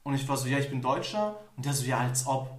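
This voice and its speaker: A man's voice: medium pitch, lively intonation, quick pace. A young man from Germany hosting a podcast, telling stories in a loose, rambling way full of fillers. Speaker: podcast host. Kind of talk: casual podcast conversation. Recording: echoey room, somewhat off-mic.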